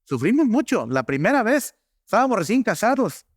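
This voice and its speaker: Male pastor, middle-aged, high lively voice, storytelling sermon, dry sound. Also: brisk, no room sound. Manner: anecdotal, conversational preaching with frequent asides to the congregation.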